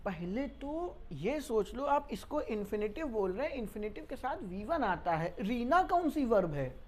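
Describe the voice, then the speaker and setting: Teasing higher-pitched woman grammar teacher. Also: big pitch swings, normal speed, darkish tone, slight background noise. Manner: scolding, teasing students as "beta". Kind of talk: classroom lecture.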